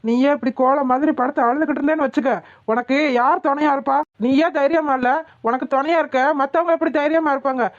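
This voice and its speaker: A bossy village husband, voiced by a woman, lectures and scolds in a fairly high voice. The sound is dry and a little dull. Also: fairly even intonation, fast talker, dry recording, natural voice. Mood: lecturing.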